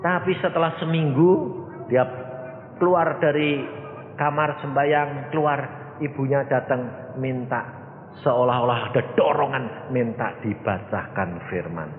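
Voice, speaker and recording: A man's voice: mid-range voice, measured pace. A male evangelist preaching a sermon. He tells stories, acts out the voices in them, and asks the congregation questions. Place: church hall. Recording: echoey hall, phone-like thin sound.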